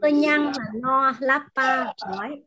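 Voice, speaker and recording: A woman teacher in an online class, patiently explaining words and pronunciation and repeating them slowly over a video call. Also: high voice, crowd noise. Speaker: language teacher.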